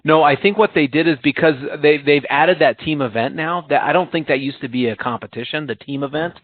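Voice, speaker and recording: Male US podcast co-host, rambling and self-deprecating, a bit high-pitched, tinny narrow sound. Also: brisk, no echo. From United States. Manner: rambling, self-mocking, laughs often. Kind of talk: casual chat.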